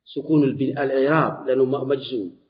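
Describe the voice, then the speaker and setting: A man teaching a grammar lesson, explaining slowly and repeating words as he works through each point. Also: mid-range voice. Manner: slow, repeats and restarts words while explaining. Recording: dull lo-fi audio recording.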